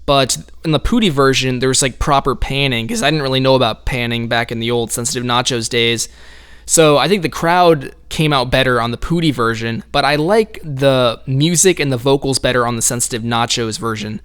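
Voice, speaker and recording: A man's voice: mid-range voice, a little fast, fairly bright tone, smooth. A man talking through his own album in casual solo commentary, laid-back and rambling, with frequent light laughs.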